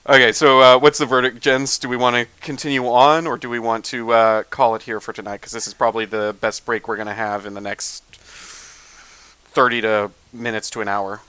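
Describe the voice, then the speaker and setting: A man's voice: medium pitch, steady tone, a little fast, bright, forceful tone, clean tone, no room sound. A man running a tabletop game, chatting casually with his players after the session, easygoing and self-deprecating with many fillers. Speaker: game master. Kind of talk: casual post-game chat.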